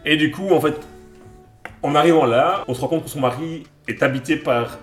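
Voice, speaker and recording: A man's voice: a little high, moderate pace, roomy sound, soft background music. A man co-hosting a casual chat, recommending songs and films with enthusiasm, rambling through lots of fillers and restarts. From Belgium. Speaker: podcast co-host.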